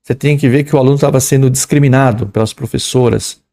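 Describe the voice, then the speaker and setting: A young English teacher from São Paulo, Brazil, with a São Paulo Portuguese accent, runs a loose, slangy exam-prep lesson. His mid-range voice is gravelly and mellow, steady in tone, and he talks fast, reading English phrases aloud before translating them and joking about them.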